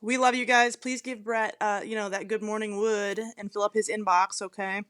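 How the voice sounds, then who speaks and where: A woman's voice: medium pitch, level tone, moderate pace, a bit bright. Woman, podcast co-host and cop; blunt, sarcastic, swears a lot. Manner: blunt, profane, teasing. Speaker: podcast co-host, police officer. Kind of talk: casual podcast chat.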